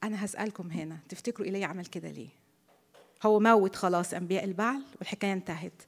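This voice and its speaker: Egyptian woman teaching a church Bible study, rapid delivery, voice ringing in a reverberant church hall. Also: medium pitch, slightly rough. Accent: Egyptian Arabic. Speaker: women's Bible study speaker. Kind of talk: Bible study talk with scripture reading.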